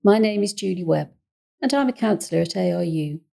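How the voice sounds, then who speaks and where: Low-toned gravelly woman counsellor hosting. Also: expressive, a little fast, mellow. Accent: English. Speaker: counsellor and podcast host. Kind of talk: gentle podcast hosting.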